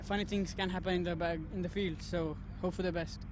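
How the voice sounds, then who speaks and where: A man from Pakistan, a cricket player, answers interview questions outdoors in a high, flat voice. He hesitates and repeats words as he talks. Music plays clearly in the background. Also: a little fast.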